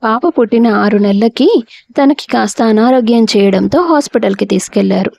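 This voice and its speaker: A woman reading a family drama story aloud as a narrator, steady and scripted. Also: a little high, moderate pace, vocal fry, dry recording.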